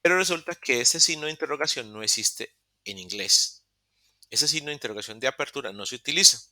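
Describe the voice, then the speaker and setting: Male language teacher, very bright and forward tone, dry close sound; patient, step-by-step explainer who self-corrects. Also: mid-range voice, dry recording. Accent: Latin American Spanish. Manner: self-correcting, restarts mid-word. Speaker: English teacher. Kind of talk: online beginner English class. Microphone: computer mic in a virtual session.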